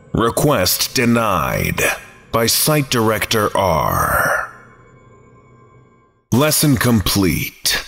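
A man reading an archive file as scripted narration, measured and documentary. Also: on the low side, gravelly, a bit bright, long reverb tail.

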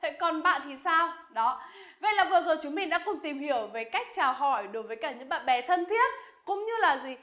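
High bright-voiced woman teaching English. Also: expressive. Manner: repeats English phrases slowly and clearly, then explains them. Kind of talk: bilingual language lesson.

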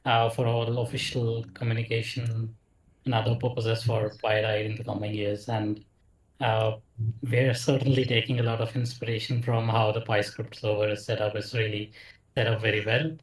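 A man from India, a software engineer making a polite, measured announcement on a video call. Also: on the low side, little pitch movement. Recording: echoey room, distant mic.

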